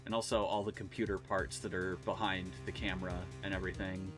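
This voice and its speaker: A man's voice: deep voice, level tone, brisk. A man streaming a game, chatting casually and rambling between laughs. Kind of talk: casual let's-play commentary. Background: game music.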